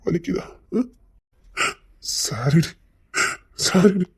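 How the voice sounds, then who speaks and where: A man's voice: high-pitched, sing-song, extremely slow, darkish tone, breathy edge, full character voice. A man in a Tamil audio drama voicing a remorseful husband and worried family man who speaks earnestly and pleads. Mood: pleading. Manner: pleading, earnest, heavy with regret.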